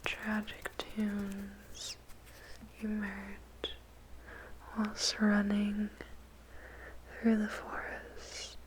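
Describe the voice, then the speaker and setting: A woman whispers a poem in ASMR style, phrasing it deliberately with dramatic pauses. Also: medium pitch, monotone, a little hiss or hum, poor audio. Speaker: ASMR performer reciting a poem. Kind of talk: whispered ASMR poetry recitation.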